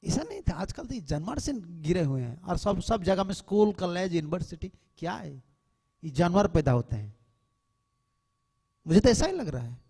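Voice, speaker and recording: A man, a swami, lectures devotees in a temple with an earnest, admonishing tone, slipping English words into his talk. His voice sits somewhat high for a man. The hall adds a long, lingering reverb. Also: sing-song, normal speed, dark tone, slightly rough.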